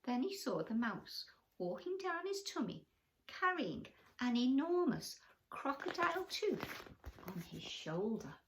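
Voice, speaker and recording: A woman's voice: fairly high pitch, sing-song, a little slow, fairly bright tone, poor audio. A woman storyteller reading a bedtime story expressively to children, with questions and asides to the young listeners.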